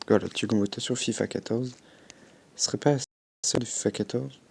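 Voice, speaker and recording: A man's voice: medium pitch, fairly even intonation, normal speed, vocal fry, darkish tone, husky. A young man chatting casually as a gaming YouTuber, commenting on his game with offhand swearing and little sound effects.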